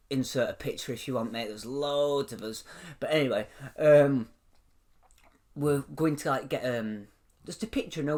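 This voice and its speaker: A lively, animated young man in his 20s co-hosts a casual chat-show podcast, telling stories at a medium pitch. He breaks into laughter often and swears without a second thought.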